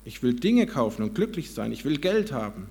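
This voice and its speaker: A man's voice: mid-range voice, very animated, brisk, vocal fry, a little mellow. A man voicing a restless boy who grows into a weary old man in a storybook reading, with a curt, demanding delivery.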